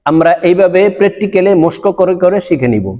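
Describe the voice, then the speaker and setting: Male tutor with a high voice, patient and repetitive drilling, reverberant recording. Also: dark tone. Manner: slow, drawn-out syllable drills, repeating each sound. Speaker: Quran recitation teacher.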